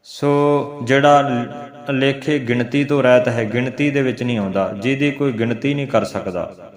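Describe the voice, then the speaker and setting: A man teaching the pronunciation and meaning of scripture, slowly chanting each verse and then explaining it. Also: medium pitch, roomy sound. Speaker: Gurbani teacher.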